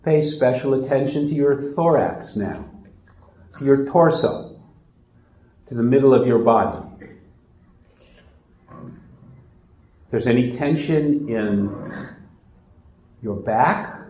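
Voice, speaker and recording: A man leading a guided relaxation meditation in a slow, soft, soothing manner. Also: mid-range voice, expressive, echoey room, lo-fi sound.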